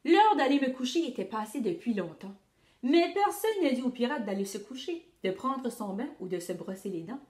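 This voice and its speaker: A teacher reading a picture book aloud to children, expressive and addressing the young listeners directly. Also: female voice, on the high side, normal speed, roomy sound. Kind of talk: children's storytelling read-aloud.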